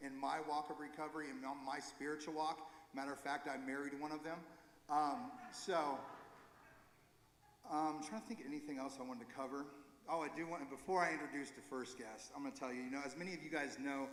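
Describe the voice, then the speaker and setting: A man's voice: on the high side, steady tone, a bit bright. Guy from a recovery ministry talking to church, earnest, stumbles and restarts, voice bouncing around a big echoey room. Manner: earnest, halting, self-correcting. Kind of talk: informal church talk. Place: church sanctuary. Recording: echoey hall with long reverb.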